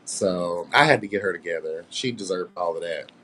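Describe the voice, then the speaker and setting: A man in his late thirties in casual group chat, telling stories in a sassy, drawn-out way and calling everyone honey. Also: deep voice, pushed and bright. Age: 30s. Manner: sassy, drawling storyteller, calls others honey.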